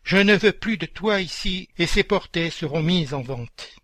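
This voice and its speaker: A man's voice: a little high, normal speed, bright, forceful tone, no echo. A man voicing a proud, cruel rich landowner woman who gives harsh orders and mocks her servant. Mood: scornful. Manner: harsh, scornful, commanding. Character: haughty, cruel rich plantation mistress.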